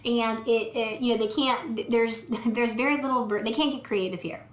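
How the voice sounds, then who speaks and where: Her voice is on the high side, steady in tone, at a moderate pace. A veterinarian filming herself in an indoor room, she casually reviews dog food, explaining step by step while thinking aloud and peppering it with ums. The recording, made on the camera mic, is echoey.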